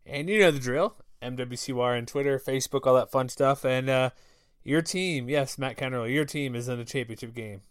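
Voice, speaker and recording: A man's voice: mid-range voice, brisk, clean tone, no echo, clean studio sound. A man hosting a casual sports podcast, upbeat and joking, laughing often. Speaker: podcast host.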